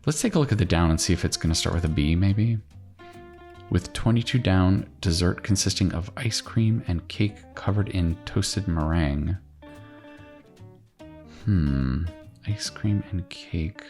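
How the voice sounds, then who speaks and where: A man thinking out loud in casual puzzle commentary, musing and questioning himself as he works. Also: low voice, lively intonation, unhurried. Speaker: crossword solver hosting a solve-along video. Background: plucked guitar music.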